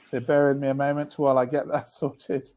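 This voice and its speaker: A man's voice: medium pitch, level tone, a little fast, a little mellow, rough recording. A man hosting a live business event, chatty and friendly, introducing judges and teams. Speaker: event host.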